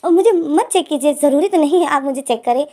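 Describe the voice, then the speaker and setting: A woman's voice: high voice, fast, dark tone, natural voice. A woman voicing a shy, flustered young man who keeps protesting. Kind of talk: storytelling with acted dialogue.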